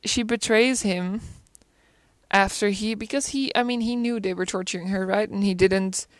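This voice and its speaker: A woman's voice: mid-range voice, moderate pace, no echo. A woman casually chatting about a film, talking animatedly with lots of fillers and asides. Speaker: film commentator. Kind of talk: casual solo chat.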